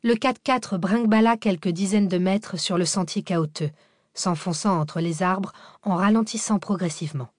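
A woman narrating a thriller audiobook in a steady, measured reading. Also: mid-range voice, no room sound, clean studio sound.

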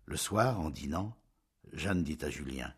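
A man narrating a classic novel as an audiobook in a measured, expressive storytelling manner. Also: extremely low pitch, slightly rough.

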